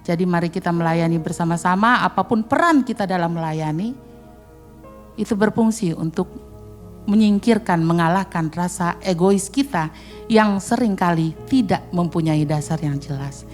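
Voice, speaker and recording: A woman's voice: fairly low pitch, soft background music. Chatty middle-aged woman preaching. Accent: Indonesian. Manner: chatty and joking, acting out quick asides. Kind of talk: sermon. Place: church hall.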